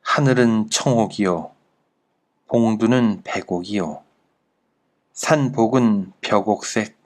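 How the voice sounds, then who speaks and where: Slow, low-voiced male narrator. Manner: slow, measured literary reading. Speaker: audiobook narrator. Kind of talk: scripted narration of a classic travel essay.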